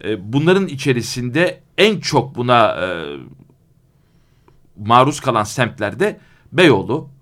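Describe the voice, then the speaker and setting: A man who is a guest on a radio talk show explains historical events slowly and deliberately, with frequent hesitation sounds. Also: medium pitch, animated, fairly bright tone. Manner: slow, deliberate, many hesitations. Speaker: studio guest, legal scholar. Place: radio studio.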